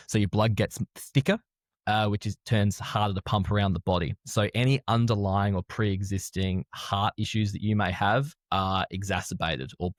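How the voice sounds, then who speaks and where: A young adult man from Australia with an Australian accent, explaining his work as a podcast guest in a measured way. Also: fairly low pitch, no room sound. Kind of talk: podcast interview.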